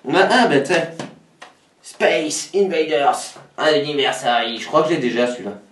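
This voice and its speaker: A man's voice: a little high, very animated, rapid-fire, fairly bright tone. Southern french guy chatting away, far off mic in an echoey room w/ noise. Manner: chatty, counts aloud, laughs often. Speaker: flea market video host. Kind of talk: casual live unboxing chat.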